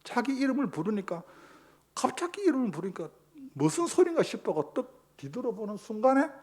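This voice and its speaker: A man's voice: extremely high pitch, very animated, fairly quick, a little mellow. A male pastor, preaching a sermon emphatically and posing rhetorical questions to the congregation.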